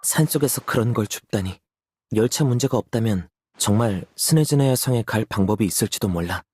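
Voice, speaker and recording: An actor playing a steady young male hunter in a video game, calm, cautious and matter-of-fact. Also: fairly low pitch, slightly rough. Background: game music.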